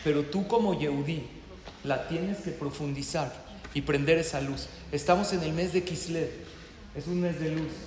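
High-voiced rabbi in echoey hall. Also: male voice, moderate pace, a little mellow. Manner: storytelling, asks the audience questions. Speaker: rabbi teaching a class. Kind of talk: lively Torah class with anecdotes. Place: classroom or hall, in front of a group. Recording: echoey hall with long reverb.

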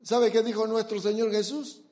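A man's voice: sits high, level tone, normal speed, dark tone. A man preaching a sermon, emphatic, asking his congregation rhetorical questions and acting out quoted voices.

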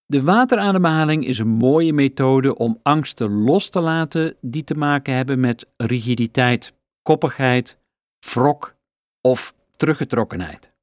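Man, guided meditation narration, slow pace, calm and soothing, medium pitch, dry close sound. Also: no room sound. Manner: calm, soothing, unhurried instruction.

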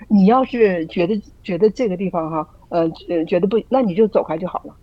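A woman's voice: lowish voice, a little fast, lo-fi sound. A woman sharing her views in a casual group call, earnest and full of rhetorical questions, often restarting her sentences. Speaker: church group member sharing.

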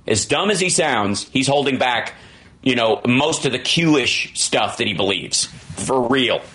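A man's voice: medium pitch, animated, unhurried, pushed and bright. A middle-aged man hosting a radio show, riffing on politics in an emphatic, jokey, casual way.

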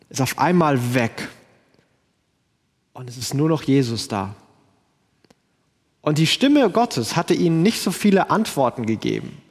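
A man preaching a sermon, slowing down to quote scripture and rising into rhetorical questions. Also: mid-range voice, in a large hall.

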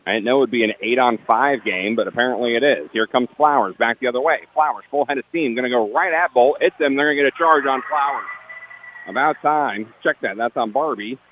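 A man with a medium-pitched voice delivers rapid basketball play-by-play, calling each pass and tossing in dry comments on the refs. The recording is muffled, with a little hiss or hum.

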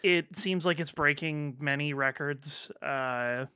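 A man's voice: fairly high pitch, slow, pushed and bright, smooth, no echo, studio quality. A man hosting a podcast in casual chat, rambling with lots of fillers, restarts and offhand swearing. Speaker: podcast host.

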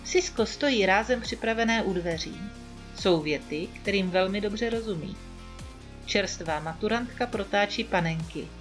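Woman, first-person audiobook narration, wry, gently ironic, middle pitch, faint music behind.

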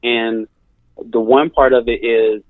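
Slow and steady, a male therapist from California talks with medium pitch and fairly even intonation as a guest in a conversational interview. He's earnest and emphatic, often restating key phrases. The audio is dry and has the tinny feel of a phone line.

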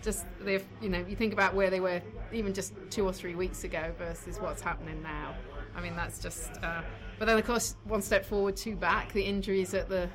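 A woman co-hosting a casual football chat, thoughtful and measured, repeating words as she thinks. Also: medium pitch, flat delivery, crowd noise. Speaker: podcast co-host.

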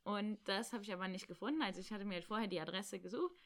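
A young woman casually telling a story about her travels, animated and acting out bits of dialogue. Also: mid-range voice, quick pace. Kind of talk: casual chat.

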